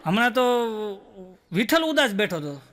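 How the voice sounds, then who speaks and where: A man telling stand-up jokes, acting out the dialogue in quick voices. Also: sits high, very animated, noisy background. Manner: storytelling with quick voiced dialogue, "બોલો" tags. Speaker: stand-up comedian.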